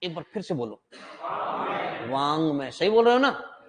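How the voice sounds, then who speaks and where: A man's voice: on the high side, big pitch swings, measured pace, noisy background. A man teaching a class, chatty and teasing, quizzing his students on how letters are said. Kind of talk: joking classroom lecture. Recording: long hall reverb.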